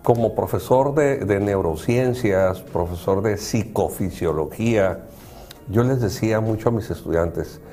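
A man's voice: fairly low pitch, unhurried, dark tone. A man, a psychology professor, talking earnestly and acting out what people said to him. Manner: earnest, explanatory, acts out dialogue. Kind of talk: conversational talk show.

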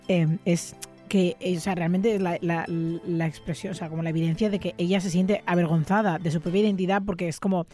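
Fast, outspoken woman with a Catalan accent. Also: lowish voice, steady tone, warm tone, soft background music. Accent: Catalan-accented Spanish. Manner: outspoken, swears freely, fast. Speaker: podcast co-host. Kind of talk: casual chat.

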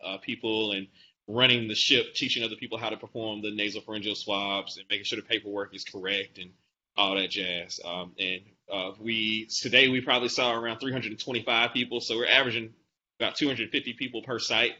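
On the low side and brisk, this Southern man's voice sounds pushed and bright while staying steady in tone. He's a doctor in his forties from Atlanta, Georgia, in the United States, chatting through interview questions in a recording that's slightly muffled with faint noise.

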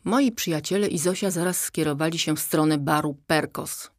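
Low-voiced woman reading a story. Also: normal speed, dry recording, studio quality. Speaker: audiobook reader. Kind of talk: scripted children's story narration.

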